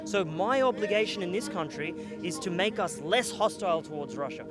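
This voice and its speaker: A man at an outdoor rally making his case in a measured, argumentative way in a street interview. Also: sits high, lively intonation. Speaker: rally attendee. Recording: clear music behind outdoors. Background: music.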